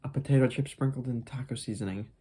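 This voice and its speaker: A food review host chatting casually in a low-key, hesitant, unhurried way. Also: mellow, slight background noise. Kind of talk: casual snack review chat.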